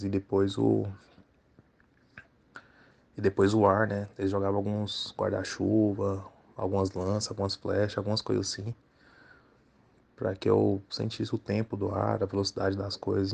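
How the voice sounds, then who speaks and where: A man recounting a dream casually, halting and full of fillers. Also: lowish voice, creaky. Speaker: dream storyteller.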